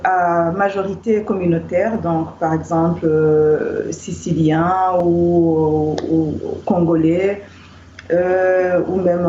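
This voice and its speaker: A woman's voice: fairly low pitch, dark tone. A woman from Rwanda, a guest in a casual discussion, speaking hesitantly with many fillers. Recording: echoey, muffled, faint background noise.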